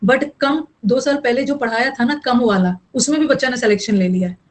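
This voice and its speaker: A woman's voice: fairly high pitch, a little fast, low-quality recording. A young woman teaching an online English grammar class, mixing explanation with chatty scolding asides to her students.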